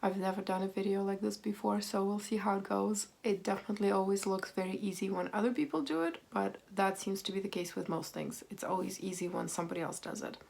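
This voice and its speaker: A beauty vlogger in her thirties walks through her makeup routine at home in a casual get-ready-with-me chat. Her mid-range voice is hoarse and a little raspy from a cold, and she talks in a self-deprecating way.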